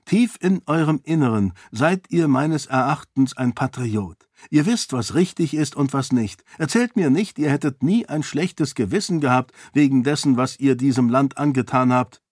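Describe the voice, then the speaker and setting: A man's voice: mid-range voice, lively intonation, normal speed, few pauses, darkish tone, no room sound, studio quality, pitched above the performer's own voice, lightly acted. A man voicing a resolute young princess who argues firmly and urgently with a council of lords. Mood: firm persuasive. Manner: firm, persuasive, urgent.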